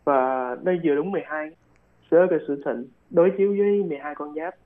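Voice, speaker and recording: A man's voice: a little high, quick pace. A man explaining things in a casual chat, hesitant and repeating words. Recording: phone-like radio line.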